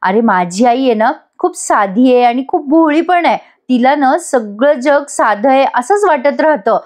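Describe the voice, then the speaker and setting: A woman's voice: high-pitched, expressive, unhurried, a little mellow, voice pushed up. A woman voicing a teasing young wife who bickers with her husband and mother. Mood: bickering. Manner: bickering, sarcastic retorts.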